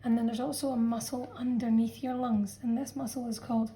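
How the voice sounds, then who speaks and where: A woman's voice: on the high side, flat delivery, brisk, mellow, slight background noise, poor audio. A woman science teacher talking students through a revision lesson, explaining patiently and checking in with "okay" as she goes. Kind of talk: revision lesson narration over a drawn diagram.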